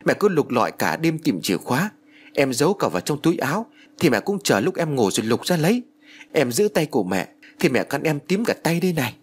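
Scared young daughter done by a man, raised pitch, lively, pleading, music under it. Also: brisk, breathy edge. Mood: distressed. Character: young woman, frightened anxious daughter.

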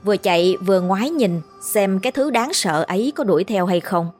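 A woman storyteller reading a ghost story in a steady, measured way. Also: mid-range voice, soft background music. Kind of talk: scripted ghost story narration.

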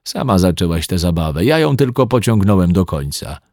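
A smug young man speaks in a very deep, husky voice, put on by a male reader. He teases with an easy, lively lilt, cool and mocking, in a dry storybook reading. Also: a little fast, no echo, full character voice. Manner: calm, teasing, smug.

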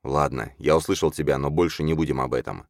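A man's voice: rumbling low, quick pace, no echo, clean studio sound. A man doing a proud young sorcerer. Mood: firm. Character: young male sorcerer, proud and quick-tempered. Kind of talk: audiobook character voice.

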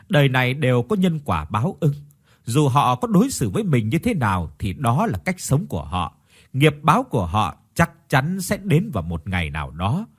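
A man voicing a kindly older Buddhist master who preaches gently and calmly. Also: medium pitch, husky.

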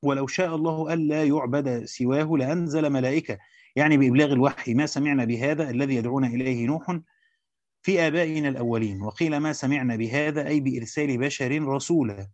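A man's voice: mid-range voice, darkish tone, no room sound, muffled recording. A man with an Egyptian accent reading classical Arabic commentary aloud to students, stopping for colloquial explanations and restarting words as he thinks. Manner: fast reading with hesitant restarts in the asides.

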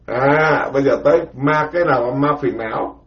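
A man's voice: medium pitch, brisk. A man, a Buddhist monk giving a dharma lecture in a folksy, colloquial way and acting out voices in his stories. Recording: roomy, dull lo-fi recording.

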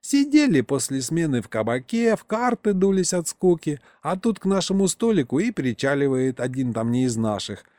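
A man's voice: a little high, very animated, moderate pace, few pauses, a little mellow, no room sound, pitched above the performer's own voice. A man reading an audiobook, voicing a crafty, boastful old retired miner who rambles folksily through his tales. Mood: yarn-spinning. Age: older.

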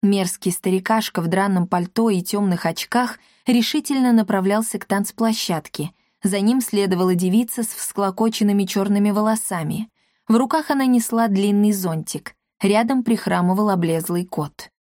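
A woman narrating a children's story aloud in even storytelling. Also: mid-range voice, moderate pace, no room sound, clean studio sound. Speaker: audiobook narrator. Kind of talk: scripted narration.

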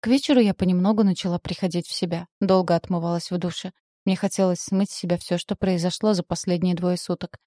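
A woman reading a first-person novel aloud in a steady, emotive way. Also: on the low side, fast talker, no echo, studio quality. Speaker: audiobook narrator. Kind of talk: scripted narration.

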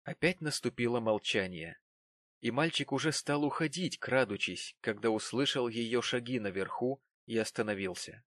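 A man reading a novel aloud as narrator, measured and solemn. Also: mid-range voice, fairly bright tone, no echo. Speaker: audiobook narrator. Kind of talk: scripted literary narration.

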